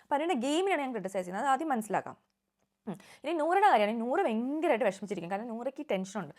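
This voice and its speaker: A woman's voice: fairly high pitch, big pitch swings, racing, a little mellow. A young woman giving casual, opinionated vlog commentary on a reality show, mixing in English words.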